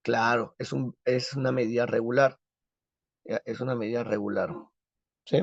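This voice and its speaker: A man's voice: mid-range voice, steady tone, moderate pace, vocal fry, no room sound. A man teaching a literature class, who drills the students with questions and answers them himself. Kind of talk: recorded class lesson. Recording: dull lo-fi, dry.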